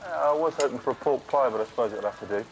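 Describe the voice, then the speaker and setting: A man's voice: mid-range voice, racing, natural voice, low-quality recording. An actor playing an awkward male doctor in a TV soap who fumbles his words and fixates on food. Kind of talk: TV soap acting.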